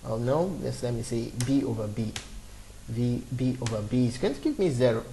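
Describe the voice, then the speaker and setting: A man in his twenties gives an off-the-cuff beginner programming lesson as a screen-recorded coding tutorial, walking through each step with fillers and restarts. His mid-range voice is animated and creaky at a normal speed, with background noise behind him.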